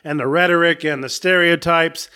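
Man, American, podcast co-host, excitable casual storytelling, slightly high voice. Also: normal speed, smooth. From United States. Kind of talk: casual chat.

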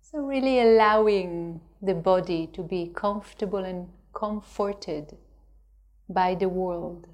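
A woman's fairly low voice guides listeners through meditation; she is gentle and slow, pausing at length between each phrase.

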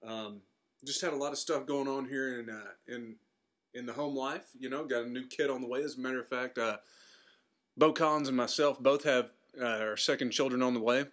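A man's voice: medium pitch, steady tone, a little fast, fairly bright tone. A man casually introducing a podcast episode as its host, in an informal, slightly apologetic way.

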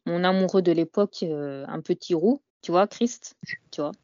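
A woman's voice: on the low side, normal speed, a little mellow, no echo, muffled recording. A young woman as an interview guest, talking casually and hesitantly, with many fillers and "you know" tags. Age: young adult.

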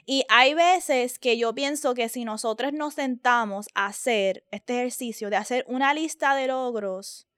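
In clean studio sound with no echo, a young co-host with a Puerto Rican accent chats casually on a podcast, animatedly telling stories and mixing in English phrases. She talks a little slowly, with a fairly high, slightly bright voice.

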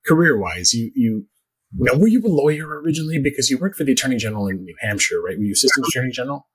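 A man's voice: medium pitch, expressive, very fast, background noise. A man hosting a podcast, chatting casually in a rambling, bantering way. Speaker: podcast host. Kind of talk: casual chat interview.

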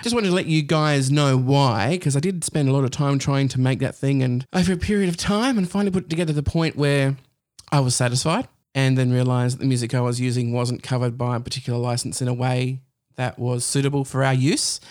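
A man's voice: medium pitch, darkish tone, dry recording. Male podcast host, casual studio chat, slight lisp, fillers, laughs easily; dry close sound. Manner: chatty, laughs often, hesitant fillers. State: sore bitten tongue, slight lisp.

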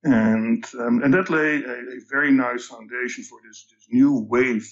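Telling the story of his career, this man from the Netherlands, in his sixties and with a Dutch accent, appears as a guest. His pace is slow and deliberate, his pitch average, and he hesitates a lot, pausing, saying um and starting sentences over. The audio is a bit muffled and dull.

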